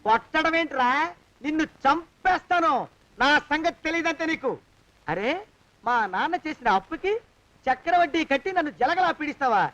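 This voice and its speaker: A man's voice: very high voice, expressive, normal speed, a bit bright, lo-fi sound, slight background noise. An actor playing a sly, cheeky servant who blackmails and taunts his master in a comedy film, needling him over and over. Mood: taunting.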